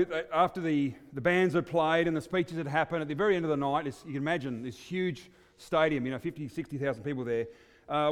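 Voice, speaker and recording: A man preaching at a church service, chatty and hesitant with many fillers, his voice ringing with a long church reverb like a cathedral. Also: on the high side. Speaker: guest preacher. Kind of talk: sermon with storytelling.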